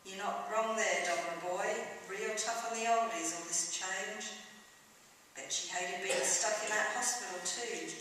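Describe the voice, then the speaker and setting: A man's voice: sits high, steady tone, measured pace, sharp tone, a little hiss or hum. A woman voicing a blunt, chatty male pub barman who talks coarse and matey, heard from far off in an echoey hall.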